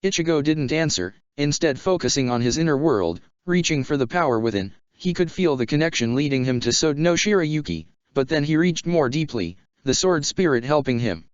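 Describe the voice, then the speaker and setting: A man reading a fan fiction story aloud in a steady, even way. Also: a little high, moderate pace, few pauses, smooth, no room sound. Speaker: narrator. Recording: dull lo-fi sound.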